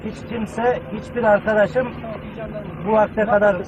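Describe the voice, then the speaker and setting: A man's voice: high-pitched, flat delivery, a little slow, highs cut off. A man addressing his units over a walkie-talkie as a police commander, emphatic and resolute, repeating his phrases. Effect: police walkie-talkie radio. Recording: noisy walkie-talkie radio, far from mic.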